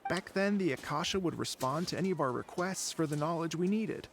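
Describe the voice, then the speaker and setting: A man's voice: a little high, fairly quick, slight background noise, close to an everyday voice. An actor playing an easygoing, unambitious male academic in a video game, chatty and casual. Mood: casual, candid.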